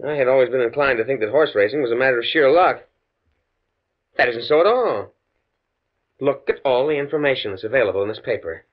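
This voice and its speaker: An actor with a medium-pitched, lively voice plays an earnest, naive, pedantic male university scientist in the stuffy, precise style of 1950s radio drama, speaking a little fast with frequent pauses and light acting. He sounds confident and eager, precise and stuffy, stammering when flustered, on a muffled vintage 1950s radio recording.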